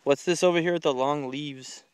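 Out in the home garden, a parent holds a camera as he walks, gently asking his children what the plants are called and encouraging their replies. He speaks at normal speed in a voice on the high side, with fairly even intonation and a clear, resonant tone, with no room sound.

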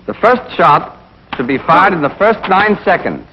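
Narrating a military training film, an American man in the role of instructor talks straight to the trainees in a scripted, teaching style. His high voice has a sing-song lilt and a moderate pace, and the dull, band-limited old soundtrack carries slight background noise.

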